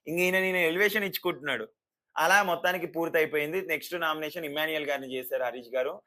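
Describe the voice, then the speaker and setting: A man reviews a reality show in a casual vlog, sarcastic and animated, sliding into mocking impressions. His voice sits a little high and rings bright and forceful. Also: quick pace. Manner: sarcastic, animated, mimics people.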